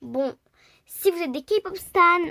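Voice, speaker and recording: A woman from France chatting excitedly while playing a role-play game, squealing over cute things. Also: very high-pitched, slow pace, creaky, noisy background. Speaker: gaming YouTuber. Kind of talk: casual gameplay commentary.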